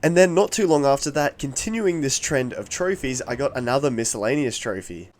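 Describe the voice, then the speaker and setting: Kiwi guy doing a gaming voiceover recap, scripted, step by step, average pitch. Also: animated, a little fast, darkish tone, a little hiss or hum. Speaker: gaming video narrator.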